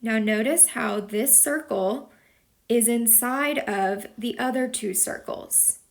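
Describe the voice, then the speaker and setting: A woman's voice: a little high, slow, vocal fry. A woman teacher from Texas explaining a lesson patiently, step by step, as a voice-over for a whiteboard video. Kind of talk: slow explanatory lesson narration.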